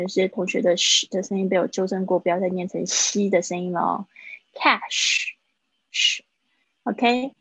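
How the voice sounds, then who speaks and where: A woman teaching English words in a live online lesson. She explains slowly and repeats each word for pronunciation. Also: medium pitch, breathy edge, no room sound. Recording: dull, dry livestream audio.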